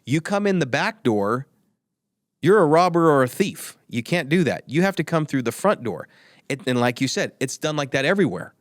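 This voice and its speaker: A man's voice: on the high side, very animated, normal speed, dry recording, clean studio sound. Emphatic, argumentative male interview guest. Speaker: guest, tech company executive. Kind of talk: opinionated interview talk.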